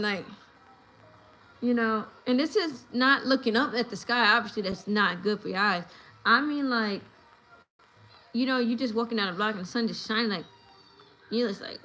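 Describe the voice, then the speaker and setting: A woman's voice: on the high side, normal speed, pauses often, sharp tone, low-quality recording. A woman in her thirties from New York, chatting casually on a home livestream and giving advice to her viewers. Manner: chatty, advice-giving, acts out voices in anecdotes. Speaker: livestream host.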